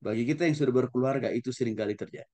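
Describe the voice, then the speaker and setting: Gentle male pastor lecturing. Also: medium pitch, very fast. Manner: addresses listeners often, frequent affirming "ya"; soft-spoken, gentle. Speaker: pastor and teacher. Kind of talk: conversational Bible-school lecture.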